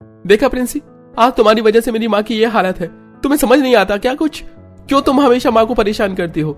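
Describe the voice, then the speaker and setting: Young husband in a storybook cartoon, lecturing and strained high, put on by a male narrator. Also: lively intonation, normal speed, darkish tone, soft background music. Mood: angry. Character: young husband, stern then affectionate.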